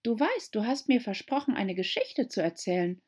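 A woman voicing a curious, polite young girl in an audiobook, speaking high and eagerly. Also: sing-song, moderate pace, darkish tone, slightly rough.

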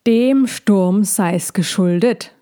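A woman voicing an old, imperious female elder dragon in a storybook reading, booming, slow and grumbling. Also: expressive, a little mellow. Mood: indignant.

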